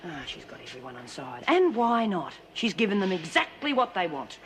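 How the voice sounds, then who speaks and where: A woman's voice: lowish voice, very animated, normal speed, fairly bright tone, slight background noise. An actress playing a tough, weary female prisoner who used to be in charge. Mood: grim. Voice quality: blunt, determined. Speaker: prison inmate. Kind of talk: TV drama acting.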